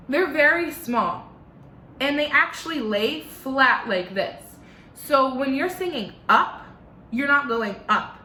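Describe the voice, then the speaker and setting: Bright-voiced woman teaching singing. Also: on the high side, roomy sound, a little hiss or hum. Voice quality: slight lisp. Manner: encouraging, step-by-step instructions. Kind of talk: online singing lesson. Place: living room at home.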